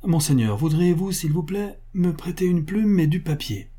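A man's voice: fairly high pitch, expressive, mellow, breathy edge, voice pushed up. A man reading as a curt, ironic financier. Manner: curt and measured. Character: cold, cutting male financier, ironic.

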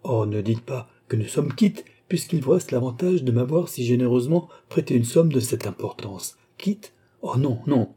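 A man's voice: medium pitch, animated, moderate pace, hardly any pauses, warm tone, slightly rough. A man reading a proud cardinal prince in financial distress, haughty yet anxious and pleading. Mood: anxious pride.

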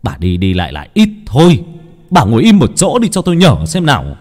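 A man voicing a worried middle-aged father who snaps at his wife and speaks in a low, grim tone. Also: huge pitch swings, brisk, a little mellow. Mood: irritated. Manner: curt, scolding.

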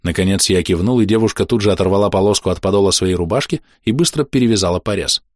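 A man narrating a fantasy audiobook in a measured, steady storytelling manner. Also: low voice, dry recording, studio quality.

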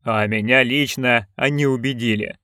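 A man's voice: mid-range voice, fairly even intonation, normal speed, pushed and bright, no room sound, studio quality, lightly acted. A man voicing timid palace guards in an audiobook, in a hesitant, mumbling way. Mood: nervous. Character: timid male palace guards, nervous grumblers.

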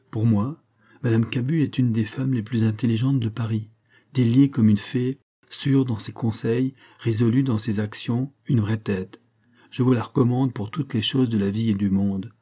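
A man voicing a Parisian painter who gives a friend's wife calm, confiding advice in a storybook reading. His voice is low, dark and husky. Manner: confiding, gently advising. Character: Parisian painter, older friend, measured and warm.

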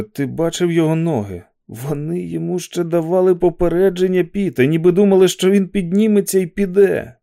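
A man voicing a weary, shaken young male walker who talks quietly and strained in an audiobook. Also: mid-range voice, gravelly, natural voice.

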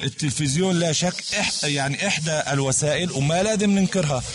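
Hesitant man raising points, slightly high. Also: fast talker, crowd noise. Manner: hesitant, many fillers, loses track of his points. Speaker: questioner in a religious discussion. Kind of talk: recorded religious discussion.

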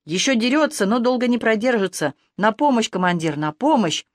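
A woman's voice: fairly high pitch, expressive, a little fast, no echo, voice pushed up, natural voice. Young werewolf grunt, male, panicked and breathless, pleading for backup, read by a woman, dry sound.

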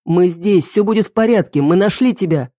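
A woman's voice: on the low side, brisk, dark tone, dry recording, studio quality, natural voice. A woman voicing a protective young man in an audiobook, urgent and comforting.

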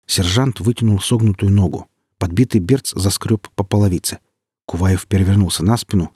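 A man with a husky voice reading an audiobook in a measured way, lightly acting out the dialogue. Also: deep voice, warm tone, dry recording, studio quality. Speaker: audiobook narrator. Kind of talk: audiobook narration.

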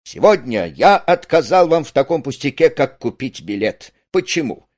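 An excitable, pompous young suitor, as a man reading the play puts him on, raised in pitch and speaking ceremoniously. His lively, swooping intonation makes every sentence a declaration. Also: normal speed. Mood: excited.

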